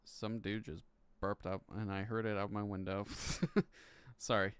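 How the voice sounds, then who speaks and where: A man in his thirties talking loosely on a live stream, rambling, swearing and chuckling as he goes. His voice sits low and sounds smooth and clean. The sound is close and dry, with no room around it. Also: little pitch movement, no echo. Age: 30s. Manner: rambling, swears often, laughs between lines, reads court text aloud haltingly. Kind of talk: casual live-stream commentary. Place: home room.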